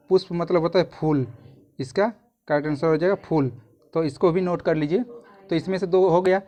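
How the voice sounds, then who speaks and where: A man's voice: fairly high pitch, darkish tone. A man, a YouTube tutor walking through exam answers in a casual, repetitive way that often restarts phrases.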